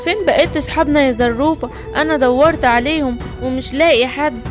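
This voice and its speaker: A woman's voice: sits high, fast, over music, lightly acted. A woman with an Egyptian accent voicing a timid, worried young lion cub. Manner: anxious, calling out.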